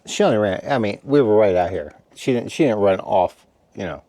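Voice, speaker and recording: Tired low-voiced man chatting to camera. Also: fairly quick, no echo. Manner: rambling, relaxed, talks to his dog. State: tired after a meal. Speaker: camping vlogger. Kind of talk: casual vlog chat. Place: inside a heated tent shelter at night.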